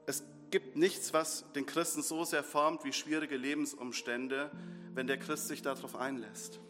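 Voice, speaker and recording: A man with a fairly high, bright, level voice preaches unhurriedly in a church hall, earnestly building through repeated short phrases as he leads the congregation into prayer. The recording has long hall reverb and faint music.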